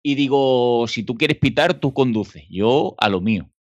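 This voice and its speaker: Calm, dry-humored male storyteller. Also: medium pitch, no echo. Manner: unhurried storyteller, dry wit. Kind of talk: casual chat. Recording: dry close sound.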